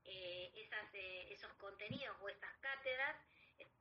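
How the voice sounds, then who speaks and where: Argentine woman, guest in an interview, hesitant, filler-heavy delivery, slightly dull recording with faint hiss. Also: mid-range voice. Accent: Argentine Spanish. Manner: hesitant, many fillers, measured explanation. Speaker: guest academic. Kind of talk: conversational interview answer.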